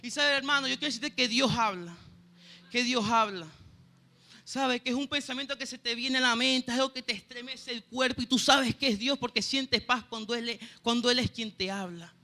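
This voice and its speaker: A man's voice: very high voice, moderate pace, sharp tone. A man with a Venezuelan Spanish accent preaching a sermon and sharing a personal testimony, earnestly and often stopping to ask his listeners if they know. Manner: earnest, keeps asking "¿sabe, hermano?". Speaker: church pianist preaching.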